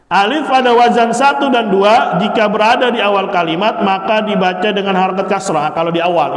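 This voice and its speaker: A man teaching Arabic grammar in a mosque, explaining step by step with joking asides. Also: high voice. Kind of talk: classroom lecture. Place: mosque hall. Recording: echoey hall with long reverb.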